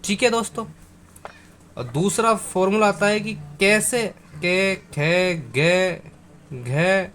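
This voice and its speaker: A man teaching a grammar lesson, going over words slowly and again and again, spelling them out letter by letter and speaking to viewers as friends. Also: high voice, lively intonation, fairly bright tone, a little hiss or hum.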